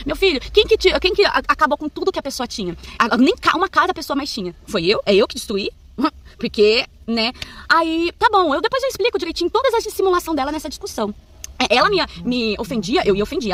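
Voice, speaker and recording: A young woman rapidly retelling a heated family fight in casual, indignant storytelling. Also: sits high, a bit bright, slight background noise. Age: young adult.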